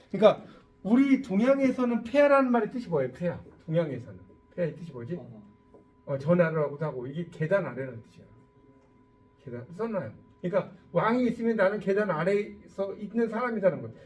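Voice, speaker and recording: A middle-aged man teaching vocabulary in a classroom-style lecture. His voice sits high and swings widely in pitch as he poses rhetorical questions. He repeats key words for emphasis. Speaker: English teacher.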